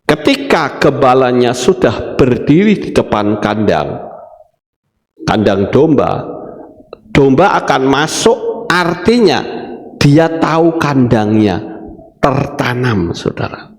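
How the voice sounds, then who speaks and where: A man's voice: medium pitch, sing-song, slow, long pauses. A man preaching a sermon as pastor, addressing the congregation directly. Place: church hall. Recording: echoey church hall with long reverb.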